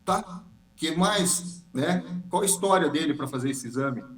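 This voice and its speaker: A man's voice: fairly high pitch, expressive, unhurried, fairly bright tone, echoey room, rough recording. A man speaking in a podcast discussion, explaining points at length and acting out quotes from patients. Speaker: family physician podcast guest.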